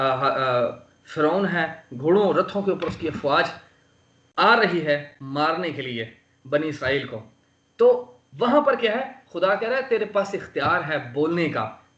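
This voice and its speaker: A man's voice: sits high, fairly bright tone. A man from Pakistan preaching an earnest, emphatic sermon over an online call. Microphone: online call microphone. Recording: roomy, dull lo-fi online call audio.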